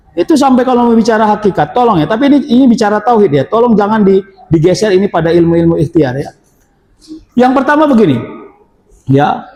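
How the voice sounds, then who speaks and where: High-voiced preacher in an echoey hall. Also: male voice. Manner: animated, questions the audience, acts out quoted voices, bursts into shouts. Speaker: Islamic preacher. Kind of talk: lively religious lecture with storytelling. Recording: echoey hall with long reverb.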